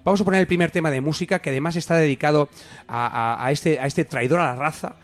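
Comic radio host, man, pitched a touch high, rambling ironic mock-outrage. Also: quick pace. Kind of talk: comedic mock-serious radio banter.

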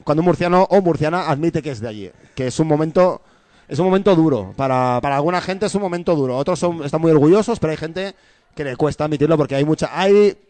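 A man's voice: a little high, quick pace, darkish tone, dry recording. A man co-hosting a comedy chat, ironic and mock-serious. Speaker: co-host.

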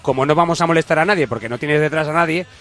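A man in his thirties hosts a comedic radio chat with a fairly high-pitched voice. He speaks from in a theatrical, ironic manner and rambles through his points. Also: racing, a bit bright. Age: 30s. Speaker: radio host.

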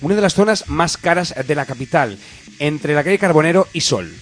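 A man co-hosting a comedy radio show, playful, slangy and animated, acting out scenes as he talks. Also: a little high, a little fast, soft background music.

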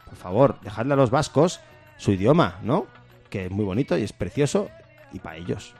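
A man's voice: on the low side, big pitch swings, moderate pace, creaky, a little mellow, slightly rough, faint music behind. A man chatting casually and jokingly on a podcast, rambling through a comic argument. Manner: rambling, jokey, breaks into laughter. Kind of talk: casual comedic chat.

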